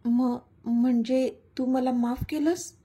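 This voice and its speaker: A woman reading the lines of a lovestruck young man who teases the woman he loves, in a soft, slow, tender way. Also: high-pitched, fairly even intonation, slightly rough, full character voice.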